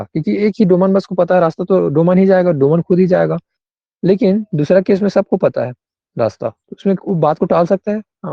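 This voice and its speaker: A man's voice: fairly high pitch, vocal fry, no echo, muffled recording. A male English grammar teacher, explaining rules in an online class and often checking in with students by name.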